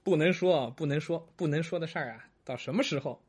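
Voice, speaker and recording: Husky, chatty male storyteller. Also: on the high side, brisk. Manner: chatty, repeats and restarts. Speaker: host and storyteller. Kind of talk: casual joke telling.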